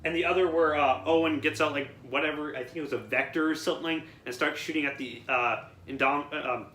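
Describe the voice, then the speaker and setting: Young guy reviewing a film with friends, a bit high-voiced, rambling, stumbling on words, in an echoey room. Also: steady tone, fairly quick, a bit bright. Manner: rambling, stumbles over words, laughs often. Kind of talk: casual group movie review. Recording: echoey room, faint noise.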